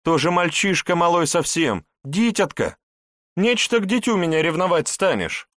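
A man's voice: sing-song, unhurried, fairly bright tone, no echo, studio quality. A man reading an audiobook, voicing a jealous young grand princess who pleads and scolds. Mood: pleading. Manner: pleading, then fiery and shrill.

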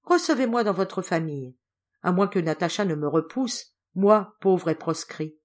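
An earnest, devoted young man of twenty-eight, speaking with deep feeling, as a woman reader puts him on. He is heartfelt and formal in a storybook reading. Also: lively intonation, normal speed. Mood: solemn. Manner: earnest, emotional.

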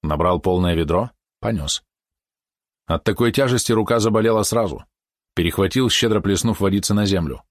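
A man reading a historical story aloud in a steady storytelling manner. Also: low-pitched, a little fast, no echo, studio quality. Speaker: narrator. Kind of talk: audiobook narration.

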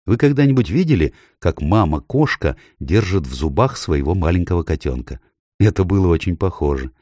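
Very deep-voiced man narrating an audiobook. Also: dry recording, clean studio sound. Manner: measured, expressive storytelling.

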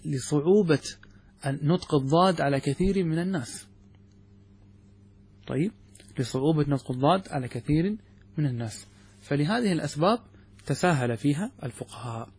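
A man teaching religious law, explaining a text step by step and often asking his students whether it is clear. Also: fairly high pitch, darkish tone. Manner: poses questions then answers them. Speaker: sheikh teaching Islamic jurisprudence. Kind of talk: classroom commentary on a text.

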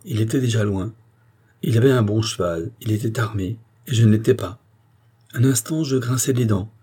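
A man voicing an angry, vengeful guardsman who recounts his ride with fierce conviction, in a husky voice. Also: fairly low pitch, warm tone. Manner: fierce, vehement storytelling.

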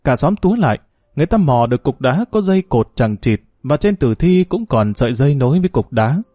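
Mellow-voiced male narrator. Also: medium pitch, no echo, studio quality, soft background music. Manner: steady, measured storytelling. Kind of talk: storytelling narration.

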